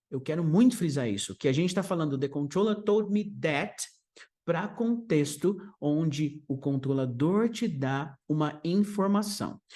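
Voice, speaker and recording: A man with a Brazilian Portuguese accent giving an online lesson for an aviation English exam, rushing through asides and slowing down to drill English example sentences. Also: on the high side, warm tone. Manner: explanatory, switches between fast asides and slow drilled English examples.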